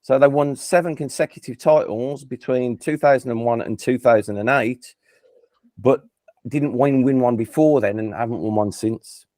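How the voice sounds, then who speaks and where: Speaking at normal speed in a medium-pitched, slightly mellow voice, this Englishman with a Birmingham accent hosts a casual football quiz. He chats, runs himself down, and keeps stumbling and restarting sentences. The recording is dry and studio-clean.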